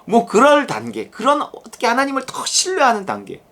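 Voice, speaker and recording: A pastor from South Korea preaching a conversational sermon, emphatic and animated, sometimes acting out prayers. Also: medium pitch, fairly quick.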